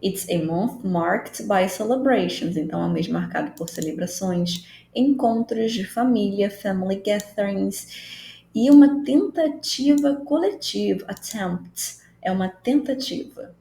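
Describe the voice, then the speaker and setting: A woman teaches an online lesson in a dark, gravelly voice, taking her time. She is patient and explanatory and goes back over key phrases. The room around her rings with echo. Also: mid-range voice, unhurried. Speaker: English teacher. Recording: roomy echo, faint background noise.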